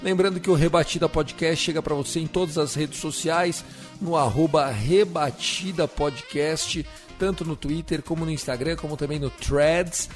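Higher-pitched Brazilian male podcast host. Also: normal speed, faint music behind. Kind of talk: casual sports podcast presenting.

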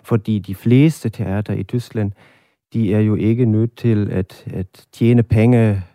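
A man from Germany with a German accent, an interview guest who works as a conductor, speaking in a measured way with fillers. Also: lowish voice, steady tone, dark tone, no echo, clean studio sound. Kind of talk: casual interview chat.

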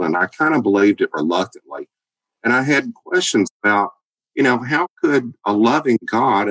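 Southern guy in his 50s, alabama accent, lowish voice, plain-spoken guest, dry sound. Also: fairly bright tone, dry recording, poor audio. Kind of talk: podcast interview.

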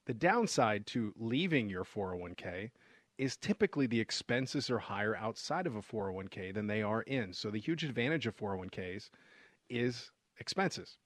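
A man hosting a radio finance show, explaining in a relaxed, conversational way with frequent fillers and restarts. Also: fairly low pitch, moderate pace, dry recording.

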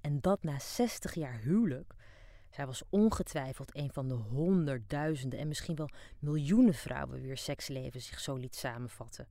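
A woman's voice: a bass voice, vocal fry, warm tone, dry recording, studio quality. A middle-aged woman from Amsterdam narrating her own diary as an audiobook, frank, wry and down-to-earth. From Amsterdam, Netherlands. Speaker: narrator and author.

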